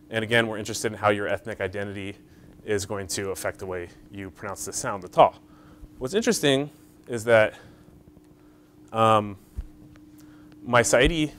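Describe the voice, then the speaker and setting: A man's voice: fairly low pitch, fairly bright tone. Man, conference lecturer, step-by-step explanations, frequent fillers, audience questions, faint hum behind. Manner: explains step by step, checks in with "right?" and "okay?". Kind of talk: academic conference talk.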